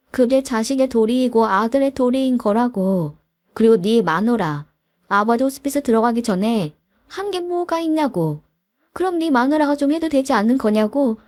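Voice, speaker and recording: A woman voicing a loud bullying sister-in-law. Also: fairly high pitch, dry recording, clean studio sound, lightly acted. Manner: shouting, browbeating.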